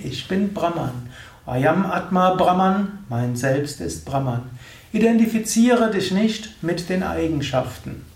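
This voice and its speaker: Man, spiritual lecture, calm and instructive, repeats his points, higher voice, echoey room. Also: recorded from a distance. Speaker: spiritual teacher.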